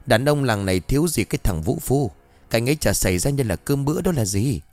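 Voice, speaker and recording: A man putting on a gruff old landlord's voice for a spoken ghost story, full of forced bravado. He blusters in a dry, close voice, low and heavy, with soft music in the background. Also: animated, fairly quick, dry recording, lightly acted. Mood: blustering.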